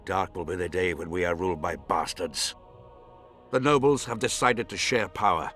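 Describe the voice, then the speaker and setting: A deep-voiced man at a moderate pace, his tone fairly bright, plays a haughty, scornful nobleman in a fantasy video game, a baron vying for a throne. His diction is imperious and formal, his mood stern and haughty, and soft music plays behind this dramatic performance.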